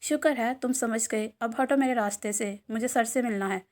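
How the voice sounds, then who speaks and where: A woman reading a novel aloud and voicing a sharp-tongued young woman who mocks a man. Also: on the high side, normal speed, natural voice. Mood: sassy. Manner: sassy, mocking.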